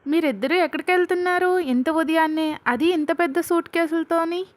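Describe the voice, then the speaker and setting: A woman's voice: extremely high pitch, fairly even intonation, fairly quick, pitched above the performer's own voice. A woman voicing an anxious, possessive middle-aged aunt who pleads and questions in alarm.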